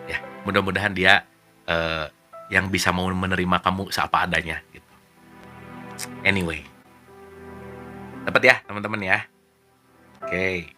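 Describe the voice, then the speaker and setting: A man leading a relaxed online book study, reading passages aloud and then explaining them in a chatty, joking way while checking in with his listeners. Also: deep voice, unhurried, long pauses, faint music behind. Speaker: study group leader. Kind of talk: casual book study talk.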